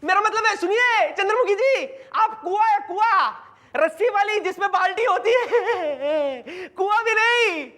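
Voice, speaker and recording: A man's voice: extremely high pitch, lively intonation, moderate pace, a bit bright. A man playing a police boss in a TV sitcom, talking in an overblown, wailing, melodramatic way. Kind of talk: TV sitcom acting.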